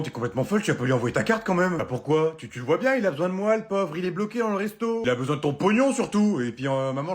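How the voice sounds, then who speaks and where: Animated man in comedy sketches. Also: a little high. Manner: animated, exaggerated, swings between shouting and muttering. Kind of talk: comedy sketches, several roles.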